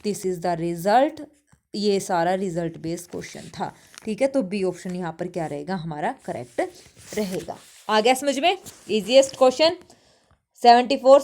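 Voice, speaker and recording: A woman teaching a math lesson, asking herself questions and slowing right down to spell out formulas. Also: fairly high pitch. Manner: slows right down when dictating formulas, asks rhetorical questions. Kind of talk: exam solution lecture.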